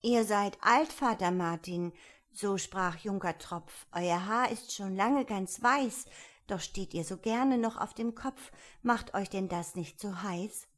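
A woman voicing a polite, timid young girl in a storybook reading, pitched up and eager. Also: slow pace, close to an everyday voice. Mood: reciting. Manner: higher, eager, slightly tearful. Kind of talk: audiobook character voice.

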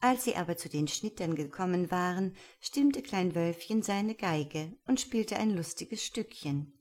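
Woman, storybook reader, fairy tale narration, calm and even, slightly low voice. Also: a little slow. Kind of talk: fairy tale read aloud.

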